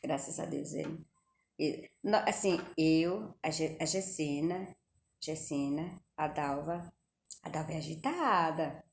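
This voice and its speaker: A middle-aged woman with a Brazilian accent talks to her viewers in a casual, chatty way, her voice sitting a little low. She speaks straight to the audience and sprinkles in religious phrases. The recording is echoey, with a faint hum of room ambience behind her. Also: unhurried, gravelly. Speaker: vlogger. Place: home kitchen.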